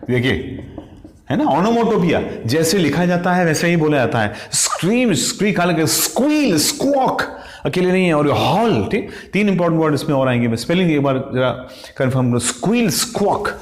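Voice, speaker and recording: A man's voice: fairly high pitch, animated, brisk, a little hiss or hum. A man teaching exam vocabulary, explaining each word step by step and checking in with "okay?" after nearly every phrase. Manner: mimics shrieks and howls to act out sound words. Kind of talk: Hindi-English exam vocab lesson. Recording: echoey room.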